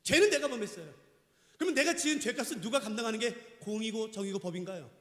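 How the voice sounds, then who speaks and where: A man's voice: high-pitched, lively intonation, fast, fairly bright tone, a little hiss or hum. A middle-aged male pastor preaching a sermon, emphatic and questioning the congregation. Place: church sanctuary. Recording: echoey church hall.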